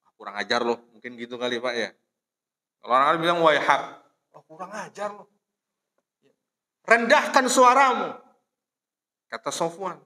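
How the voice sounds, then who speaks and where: A man's voice: on the high side, bright, forceful tone. A male religious teacher giving a casual, conversational mosque study sermon, speaking, addressing listeners directly and acting out quoted voices. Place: mosque hall. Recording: long hall reverb.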